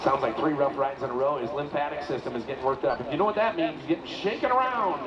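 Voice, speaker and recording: A man's voice: fairly high pitch, fast talker, muffled recording, background noise. A man announcing a tractor pulling event outdoors, chatting and joking between runs in live play-by-play. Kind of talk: live play-by-play commentary over a PA.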